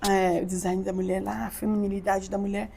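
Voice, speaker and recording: A woman's voice: mid-range voice, flat delivery, brisk, creaky, warm tone, breathy edge. A Brazilian woman giving an emotional podcast testimony, acting out her own quotes as she tells the story. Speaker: podcast guest.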